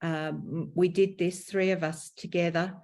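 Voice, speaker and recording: This is an Australian woman with a low-pitched voice, presenting to a conference audience. She explains her points in a measured and slightly formal way. The sound is a video-call microphone. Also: fairly even intonation, a little mellow. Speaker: presenter, teacher educator.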